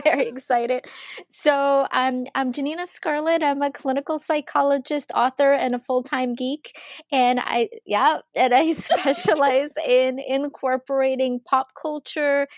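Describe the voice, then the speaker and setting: A woman's voice: on the high side, dry recording. Eager woman from Ukraine, dry sound. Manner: warm, eager storytelling with frequent laughs. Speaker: guest psychologist. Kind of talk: casual interview.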